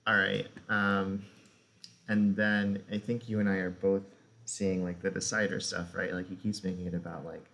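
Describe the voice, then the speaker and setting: Low-voiced man in casual chat. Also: moderate pace, gravelly. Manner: relaxed, filler-heavy, lots of "like" and "um". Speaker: co-host discussing personality typing.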